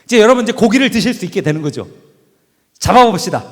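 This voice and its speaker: Lively high-voiced man preaching in a hall. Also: fast. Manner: animated, asks the audience questions and acts out scenes. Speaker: guest preacher. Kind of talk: lively humorous sermon. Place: church sanctuary. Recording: long reverb of a church hall.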